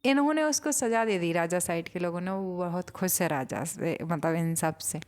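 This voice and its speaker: A woman giving a reflective spiritual talk, speaking in short, unhurried phrases with pauses and sometimes telling a story with gentle amusement. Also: lowish voice, lively intonation.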